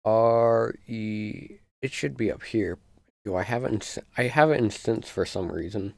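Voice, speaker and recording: A man with a deep voice that has a gravelly, fry-laden edge, walking through a beat on a live stream. He talks casually and rambles, with plenty of ums. The sound is close and dry, with no room echo. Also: animated, brisk, a little mellow. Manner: casual, loose explanations with many fillers. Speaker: music producer.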